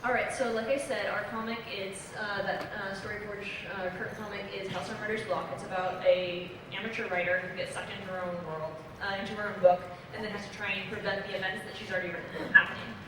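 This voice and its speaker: A woman's voice: mid-range voice, fairly even intonation, fast, hardly any pauses. A young woman from Belgium speaking on a comics convention panel, explaining earnestly with many fillers. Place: convention hall. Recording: echoey hall, distant mic, noisy.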